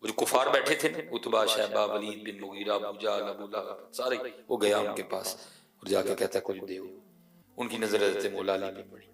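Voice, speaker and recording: Gravelly low-voiced male preacher, echoey hall. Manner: animated storyteller, repeats phrases for emphasis, swings from quiet to loud. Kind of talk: emotional sermon with storytelling. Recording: echoey room, voice from far off.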